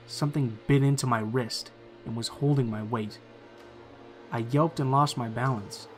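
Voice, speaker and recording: The channel's narrator, a man whose voice is mid-range, delivers a true scary tale aloud with steady, deliberate storytelling.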